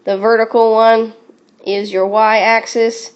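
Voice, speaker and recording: A woman's voice: fairly high pitch, flat delivery, slow, clean tone, highs cut off. A woman teaching a recorded sixth grade math review, upbeat and encouraging, with playful catchphrases as she walks through each step. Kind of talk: recorded classroom review lesson.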